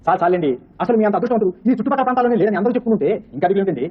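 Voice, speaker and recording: High, animated man in a comedy skit. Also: very fast, highs cut off. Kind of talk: comic sketch dialogue.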